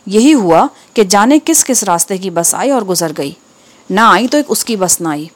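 A woman reading an Urdu textbook aloud, with careful, measured delivery and steady pauses between items. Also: medium pitch. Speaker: textbook reader.

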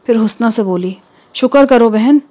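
A woman reading the part of a calm, practical mother who steadies a worried relative and gives orders at home. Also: fairly high pitch, close to an everyday voice. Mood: reassuring. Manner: soothing yet firm.

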